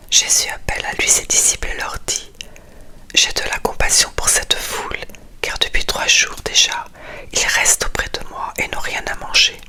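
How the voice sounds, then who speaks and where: A reader softly whispering a scripture reading in a breathy, unvoiced ASMR style, quiet as for night-time. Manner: hushed, quiet bedtime whisper.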